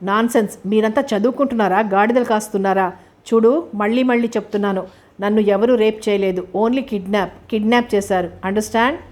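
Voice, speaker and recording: A woman voicing a fiery, defiant young woman who answers in sharp, indignant outbursts, in a storybook reading. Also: mid-range voice, fairly even intonation, normal speed, natural voice. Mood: furious.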